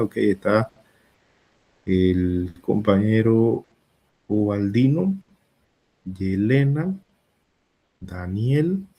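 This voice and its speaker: Male teacher on a video call, deep and slow, husky, dark tone. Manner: slow, takes attendance, talks to students. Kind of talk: online class.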